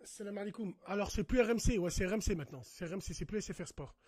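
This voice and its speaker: Husky-voiced man ranting on a livestream. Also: sits high, fast, darkish tone, no echo, studio quality. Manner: talks straight to viewers, swears, worked up. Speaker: live streamer. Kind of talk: casual livestream rant.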